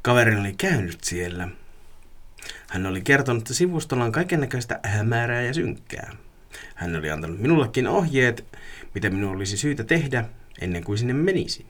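A man's voice: mid-range voice, big pitch swings, fairly bright tone. A man co-hosting a podcast who reads a listener's story and keeps breaking into laughter. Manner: giggly, breaks into laughter while reading. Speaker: podcast co-host. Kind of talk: casual podcast chat and listener story reading.

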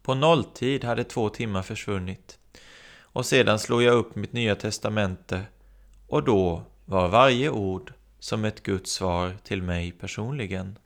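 A man preaching a sermon, telling stories and acting out the voices in them. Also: fairly low pitch. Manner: storytelling, acting out quoted voices.

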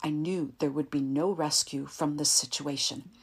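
A woman reading an audiobook in a calm, measured way, sometimes dropping to a soft whisper. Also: low-pitched, husky. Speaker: narrator. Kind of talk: audiobook narration.

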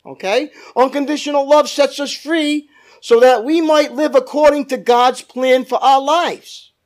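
In a very high voice, a male preacher delivers his sermon at an unhurried pace with fairly even intonation. He draws out and emphasizes his main phrases, speaking straight to the congregation, seeking agreement and calling for amens.

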